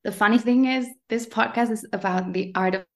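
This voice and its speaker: A woman in her late twenties from Germany with a German accent, speaking English as a second language as a guest coach in a casual podcast interview, soft-spoken and pausing to find her words. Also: on the high side. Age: late 20s. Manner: soft-spoken, pauses and restarts while searching for English words.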